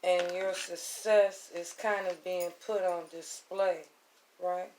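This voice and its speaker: A woman's voice: on the low side, vocal fry, slight background noise, low-quality recording. A woman giving an intimate, soothing spiritual reading in a casual way, affectionately addressing the listener with pet names. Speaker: tarot reader and spiritual host.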